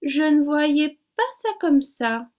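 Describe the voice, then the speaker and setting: A woman's voice: sits high, expressive, slow, a little mellow, pitched above the performer's own voice. A woman voicing an eager, chatty young female frog in a storybook reading. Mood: puzzled.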